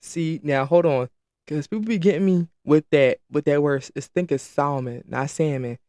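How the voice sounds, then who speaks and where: Young guy host, slightly high voice, dry close sound, lively casual story-time delivery. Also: normal speed, no echo. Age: late teens. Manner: chatty, animated, addresses viewers as y'all. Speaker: podcast host.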